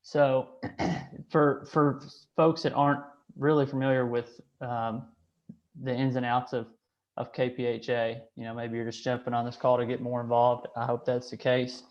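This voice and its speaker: A man's voice: mid-range voice, flat delivery, normal speed, darkish tone. A man, hosting an online meeting in a hesitant way, with many restarts and fillers. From Kentucky, USA. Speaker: association director hosting a call. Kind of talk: casual online meeting talk. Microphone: video call. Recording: slightly dull call audio.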